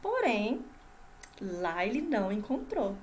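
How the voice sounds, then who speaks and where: A woman's voice: medium pitch, very animated, darkish tone, a little hiss or hum. A Brazilian woman teaching first graders in a video lesson, stretching out syllables and often checking in with the class. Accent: Brazilian Portuguese. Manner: sing-song, drawn-out syllables for children; constant checking questions to the class. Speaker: primary school teacher. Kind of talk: video lesson for young children.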